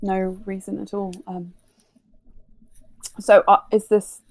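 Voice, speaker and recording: A woman's voice: medium pitch, little pitch movement, takes it slowly, no echo, poor audio. A woman bantering casually as a player in a tabletop game.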